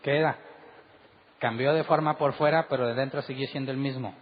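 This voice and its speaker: A man's voice: medium pitch, steady tone, fairly quick. A man preaching a sermon as pastor, asking the congregation one rhetorical question after another. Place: church hall. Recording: dull recording with long hall reverb.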